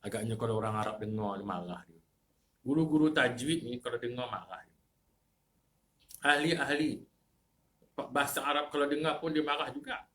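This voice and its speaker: A man with a Malaysian Malay accent giving a lecture in a mosque as a religious teacher, putting rhetorical questions to the congregation and swinging between loud emphasis and low asides. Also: normal speed, long pauses.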